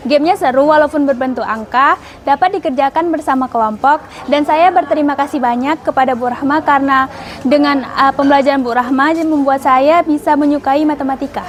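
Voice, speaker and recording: A woman's voice: high-pitched, a little fast, slight background noise. A teenage girl student politely reciting a prepared testimonial about her teacher's lesson.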